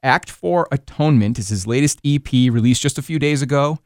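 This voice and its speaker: A man's voice: medium pitch, brisk, darkish tone, dry recording. A man hosting a radio interview in the studio, introducing and questioning his guest with an upbeat, eager manner. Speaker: radio host.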